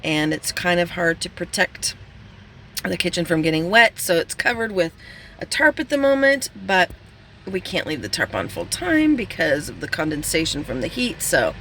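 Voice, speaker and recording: A woman with a fairly low, sing-song voice and a fairly bright tone talks at a normal pace, casual and informal, explaining as she goes in vlog fashion. She's documenting her DIY school bus conversion. The recording is clear, with some ambient background noise.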